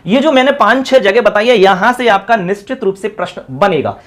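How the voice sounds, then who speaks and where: A male teacher giving an exam-prep grammar lesson, chanting word forms in quick runs and talking to viewers as friends. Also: sits high, lively intonation. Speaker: Sanskrit teacher.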